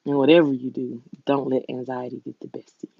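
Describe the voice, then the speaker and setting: A woman with a Southern US accent and a folksy, drawn-out drawl, chatting casually with viewers as a livestream host. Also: rumbling low, flat delivery, creaky, dry recording, phone-quality sound. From southern United States.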